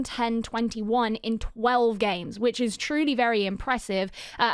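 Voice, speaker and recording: A young woman with a fairly high, smooth and clear voice talks through hockey picks in a loose, chatty way. She reads out player stats, then riffs on them, full of ums and restarts. The sound is close and dry, with no room around her. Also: no echo. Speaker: hockey video creator. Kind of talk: casual sports analysis.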